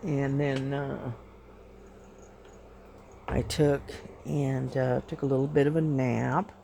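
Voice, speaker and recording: Wheezy, gravelly, slow-talking man. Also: mid-range voice, little pitch movement, dark tone, slight background noise. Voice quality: wheezy, congested, breathy rasp. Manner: unhurried, folksy, halting. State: congested, wheezing, clearing throat often. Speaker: painting vlogger. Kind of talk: casual rambling chat while painting.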